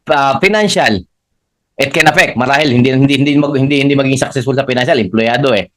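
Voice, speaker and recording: A man leading a live motivational training, animated and laughing often, guiding the audience through spoken affirmations. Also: quick pace. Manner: animated, laughing often, swings pitch up for emphasis. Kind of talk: live training talk, Taglish.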